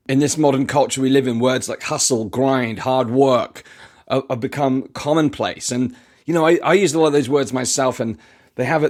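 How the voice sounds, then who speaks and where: A young man hosting his own podcast, talking earnestly and reflectively in a motivational way, often restarting his sentences. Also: medium pitch. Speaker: podcast host. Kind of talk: reflective solo podcast talk.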